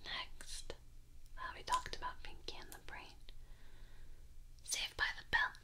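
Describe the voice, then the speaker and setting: A woman whispers casual ASMR chat right into the listener's ear, left and right. Her whisper is crisp and very bright, and she takes her time, rambling playfully as she remembers things. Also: a little slow. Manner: whispering close into the listener's ears, side to side. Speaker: ASMR video host. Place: small furnished room at home. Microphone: binaural microphone, very close.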